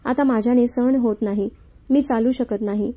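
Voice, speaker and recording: A woman voicing a tender, loving elderly wife who is dying, in her own soft reading voice. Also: a little high, fairly even intonation, normal speed, natural voice. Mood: pained.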